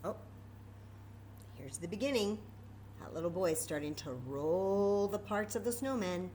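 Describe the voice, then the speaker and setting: Her voice is medium-pitched, unhurried and a little mellow, with a slight hiss or hum on the recording. She's an American storytime host from Texas who reads to young listeners expressively, breaking off for chatty asides aimed right at them.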